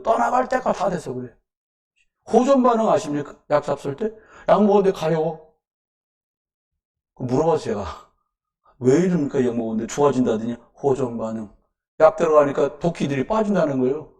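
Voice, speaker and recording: Man, pastor preaching, high lively voice, swooping pitch, distant from the mic, church sanctuary. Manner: animated preaching with rhetorical questions and sudden loud emphasis. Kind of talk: sermon at a Wednesday church service.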